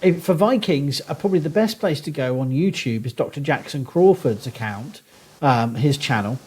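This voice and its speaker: Husky, posh Southern English man. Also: on the high side, animated, moderate pace, a little mellow. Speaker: guest archaeologist. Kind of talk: conversational podcast interview.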